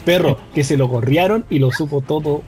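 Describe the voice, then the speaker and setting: A man with a Chilean accent in a casual chat, retelling a scene in a slangy, animated way. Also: a little high, brisk. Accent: Chilean Spanish.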